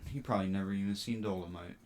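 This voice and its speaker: A man's voice: low-pitched, steady tone, rapid-fire, a little mellow. A man co-hosting a casual podcast, joking in slangy banter and laughing often. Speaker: podcast co-host. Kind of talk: casual chat.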